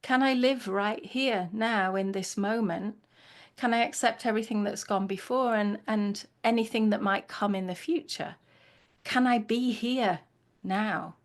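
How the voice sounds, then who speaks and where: A woman's voice: medium pitch, steady tone, normal speed. Reflective woman guest asking rhetorical questions. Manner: reflective, uses rhetorical questions, laughs easily. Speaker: guest, coach and podcaster. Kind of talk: reflective interview talk.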